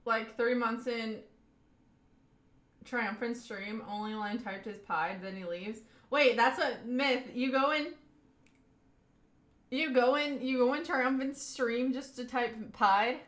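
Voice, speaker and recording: This young woman's voice runs on the high side and a bit bright as she streams, chatting casually with her live audience in a Southern US accent. She speaks slowly, laughs often mid-sentence, and the room is echoey.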